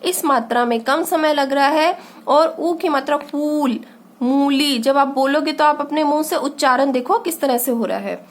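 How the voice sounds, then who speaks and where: A woman's voice: high voice, normal speed, hardly any pauses. A woman teaching a children's grammar lesson, asking questions and answering them herself. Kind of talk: grade-three Hindi grammar lesson.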